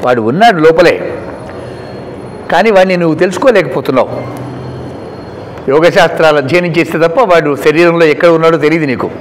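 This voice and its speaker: A man giving a devotional scripture discourse in an emphatic, instructive way, swinging between loud stresses and quiet asides. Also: a little high, fast talker, long pauses. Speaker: religious discourse speaker. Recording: reverberant hall with faint background noise.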